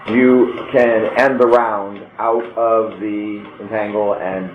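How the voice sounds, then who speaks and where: A man running a tabletop game as game master, casual and laughing, slowing down to describe scenes. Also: fairly low pitch, level tone, reverberant, narrow, tinny audio, background noise.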